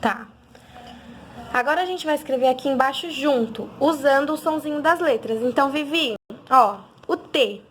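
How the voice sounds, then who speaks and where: A woman, a literacy teacher, patiently sounding out letters slowly and clearly in an instructional video for parents. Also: high voice, a little hiss or hum.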